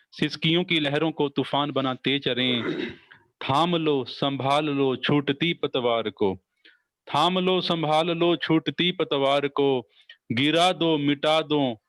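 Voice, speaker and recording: A man with a fairly high voice recites his poem on a video call, slowly and deliberately, repeating each line twice. The sound is dry and close. His voice keeps breaking up and dropping out over a bad internet connection. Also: fairly bright tone, no room sound, poor audio. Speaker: poet.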